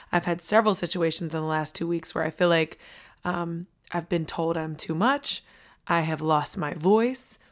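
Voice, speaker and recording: Hoarse after losing her voice, this podcast host still delivers motivational material with energy and a preachy edge. Her pitch is fairly low, and she says key lines again to drive them home.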